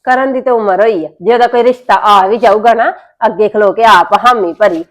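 In a Punjabi web series, a woman with a Punjabi accent acts as an exasperated elder sister in a family drama, scolding and complaining. Her voice is mid-range and she speaks at normal speed.

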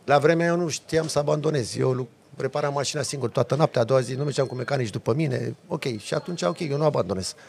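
A man, a podcast guest, telling a lively story in a casual chat with vivid sound effects. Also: medium pitch, vocal fry, hardly any pauses. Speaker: podcast guest, off-road driver.

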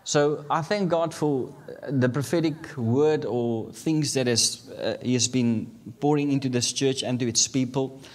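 Speaking into a handheld microphone in a big church sanctuary, this guest preacher from South Africa, a thirty-something Afrikaans native with a South African accent, delivers his sermon at a measured pace with hardly any pauses. His pitch sits in the middle range. He laughs frequently and works up to forceful pronouncements.

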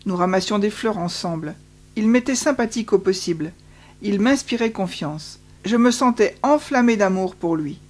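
Lectrice calme au ton pieux. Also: female voice, mid-range voice, normal speed. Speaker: audiobook reader. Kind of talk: first-person autobiography reading.

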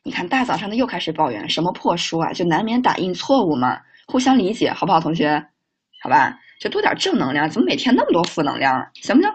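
A woman teaching a live online speaking lesson. She repeats model phrases slowly and carefully, breaks into quick chatty asides, and firmly tells students off. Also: on the low side, wildly swooping pitch, husky, highs cut off. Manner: firm with students, mildly scolding. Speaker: English teacher.

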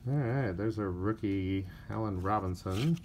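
A slightly tired man with a voice on the low side opens card packs on camera, chatting casually about each and reading the player names flatly without hurrying. Slight background noise mixes with the crinkle of wrappers and click of cards.

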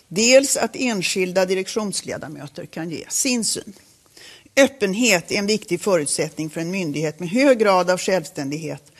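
A woman chairing a board, reading a prepared statement at a press conference in a formal, measured way with occasional self-corrections. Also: medium pitch.

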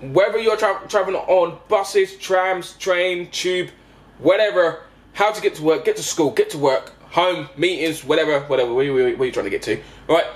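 Filming himself at arm's length on a handheld camera, a bus driver in his 20s gives a casual explanatory vlog aimed at passengers, sitting in a parked double-decker bus. His voice is on the high side, and he speaks haltingly, repeating himself and often checking in with his listeners. Vehicle noise hums in the background.

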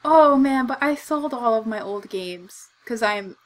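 A young woman gamer does let's play commentary, giggly and bemused as she presses questions into a desk microphone. Her voice sits on the high side, expressive and a little slow.

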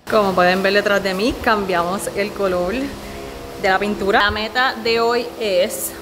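A woman in her thirties vlogging casually, chatty and excitable, mixing Spanish and English. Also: medium pitch, measured pace, background noise. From Puerto Rico. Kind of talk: casual vlog chat. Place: indoors, restaurant under renovation and home office. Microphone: handheld camera. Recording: music under voice.

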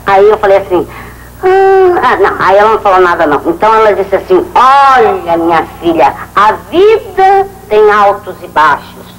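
An actress plays a streetwise veteran madam of an old Brazilian film comedy. She is boastful and folksy, with a Brazilian accent. Her pitch swings freely over a slightly noisy vintage soundtrack. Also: sing-song, moderate pace, close to an everyday voice. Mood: folksy, preachy.

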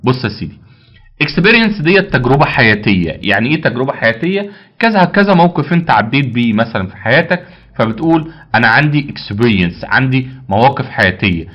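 A man's voice: mid-range voice, very animated, brisk, dull audio. A man with an Egyptian Arabic accent teaching English vocabulary, repeating each word and answering his own questions. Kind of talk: vocabulary lesson.

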